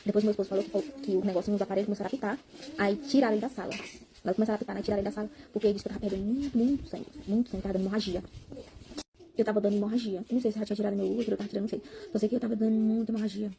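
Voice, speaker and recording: A woman's voice: medium pitch, fairly even intonation, very fast, gravelly, noisy background. A young Brazilian woman telling a personal testimony to her viewers in a rambling, emotional way, repeating words and calling out to them. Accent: Brazilian Portuguese. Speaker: vlogger sharing a personal testimony.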